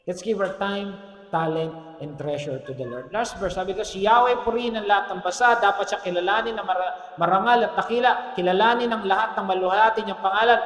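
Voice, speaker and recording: High-voiced man preaching in an echoey hall. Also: a little fast, fairly bright tone. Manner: storytelling preacher, asks the congregation for amens, jokes. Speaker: pastor. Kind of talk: sermon. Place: church hall. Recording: echoey hall, long reverb.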